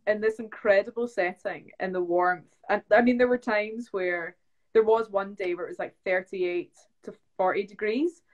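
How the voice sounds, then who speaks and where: Speaking at a moderate pace in a mid-range voice, this young woman from the UK is an actress guesting on a phone-recorded video live stream. She talks casually, peppering her words with plenty of fillers such as "like" and "um."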